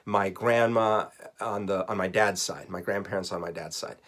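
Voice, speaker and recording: A Colombian vlogger in his forties speaks in a low, fairly bright voice at a moderate pace. He tells a casual, rambling story to camera, chatty and self-mocking, cracking jokes at his own expense and laughing often.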